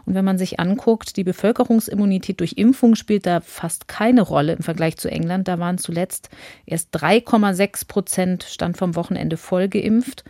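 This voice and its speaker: A woman's voice: on the low side, moderate pace, warm tone, no room sound, clean studio sound. A woman hosting a podcast interview, setting context before asking probing questions. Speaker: podcast host.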